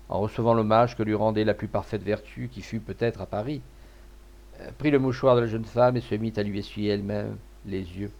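Gravelly man narrating a classic novel. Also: lowish voice, a little mellow. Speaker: audiobook narrator. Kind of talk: literary audiobook narration.

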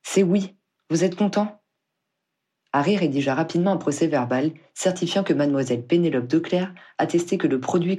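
A reader narrating a story in a steady, husky voice. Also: mid-range voice. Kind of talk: scripted audiobook narration.

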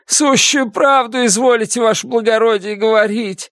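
A man doing a high wailing begging convict. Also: normal speed, fairly bright tone, dry recording, studio quality. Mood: pleading. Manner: pleading, wailing high-pitched. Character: pleading male convict, begging, humble.

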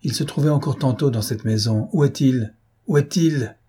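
A man's voice: medium pitch, brisk, warm tone, breathy edge, natural voice. A man reading an audiobook aloud, voicing a ferocious male bandit chief who threatens and taunts in a raised, harsh voice. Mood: menacing.

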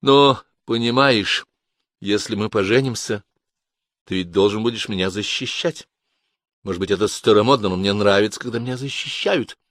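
A man's voice: lowish voice, normal speed, a bit bright, no echo, studio quality, lightly acted. Man voicing a young woman, teasing, mocking, raised light voice, audiobook. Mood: coaxing. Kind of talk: audiobook character reading.

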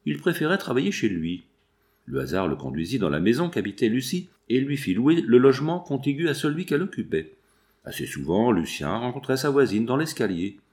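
A man narrating a novel as an audiobook reader, with a measured, expressive delivery. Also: mid-range voice.

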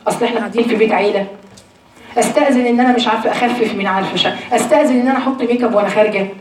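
Fast-talking Egyptian woman teaching Quran. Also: on the high side. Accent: Egyptian Arabic. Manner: rapid, emphatic, rhetorical questions. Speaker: religious teacher. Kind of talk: Quran study lesson. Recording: echoey room, distant mic.

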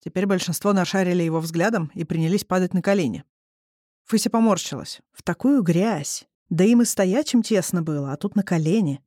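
An audiobook narrator telling a story in a steady, even way. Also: medium pitch, fairly quick, no echo, studio quality.

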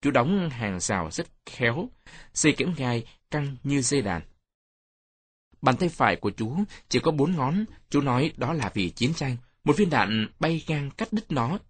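A man narrating a storybook in a warm, reminiscent storytelling manner. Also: medium pitch, big pitch swings, a little slow, slightly rough, no echo.

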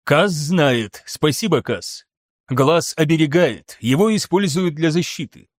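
An animated, theatrical scholar who presses his point with insistent flair, read by a man. The voice sits a little high and sounds close and dry, as in an audiobook reading. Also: a little slow, dry recording. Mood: lecturing excitedly. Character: excitable theatrical male scholar, lecturing.

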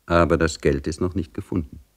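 A man reading a literary story aloud in a measured, dramatic storytelling manner. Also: a bass voice, fairly even intonation. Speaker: audiobook reader.

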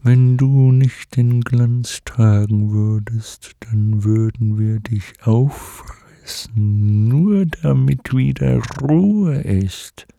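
An ancient, creaky giant turtle. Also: male voice, medium pitch, no room sound. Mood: weary, dismissive. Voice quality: creaky, slow and dark, with whispery drawn-out words. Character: ancient weary giant turtle, indifferent and grumbling. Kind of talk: audiobook character voice. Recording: dry studio audiobook.

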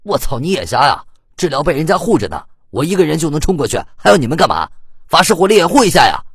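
A hotheaded young gamer, defensive and quick to swear, as a male audiobook narrator puts him on. He fires back loud and fast, his pitch leaping all over the place. The voice is husky and dry. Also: very animated, dry recording, full character voice. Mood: angry. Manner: shouting, swearing, rapid-fire.

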